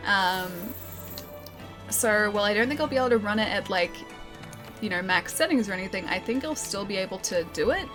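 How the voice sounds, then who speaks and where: A woman's voice: medium pitch, expressive, fairly quick. A woman livestreaming a game and chatting casually with viewers, articulating a little carefully around the retainer trays in her mouth. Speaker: live game streamer. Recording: music playing behind the voice. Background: background music.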